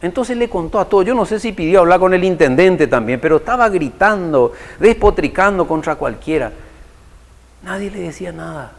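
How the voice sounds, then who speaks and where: Guy giving a spiritual talk, kinda high voice, long hall echo, lots of rhetorical questions. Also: expressive, creaky. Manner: unhurried, asks rhetorical questions. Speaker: lecturer. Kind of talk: spiritual lecture to an audience.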